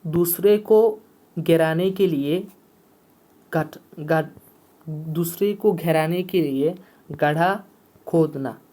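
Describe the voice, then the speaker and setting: A teacher explaining vocabulary in a lesson, repeating each word and its meaning over and over. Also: male voice, on the high side, darkish tone. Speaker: Urdu teacher.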